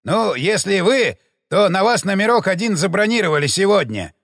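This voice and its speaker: A surly bearded old innkeeper, as a male narrator puts him on, growling and cursing in loud, gruff bursts. The reading sounds dry and close. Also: sits high, big pitch swings, moderate pace, no room sound, pitched above the performer's own voice, full character voice. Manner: gruff, snapping and swearing.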